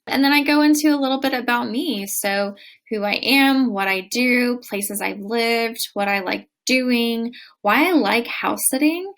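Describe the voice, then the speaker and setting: A woman's voice: mid-range voice, fairly bright tone. A woman in her thirties giving a chatty, explanatory walkthrough of a website for her travel vlog. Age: 30s. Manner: chatty, explanatory, laughs often. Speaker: travel vlogger. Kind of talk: screen walkthrough tutorial. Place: house in Oxford, England.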